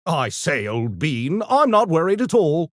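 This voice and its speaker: This is a small, erudite male gremlin genius from a video game, voiced fairly high with big swings in pitch and a measured pace that lingers over every fancy word. He sounds smug, urbane and pompous, with wordy, mock-genteel diction and a mischievous menace. The recording is dry and close.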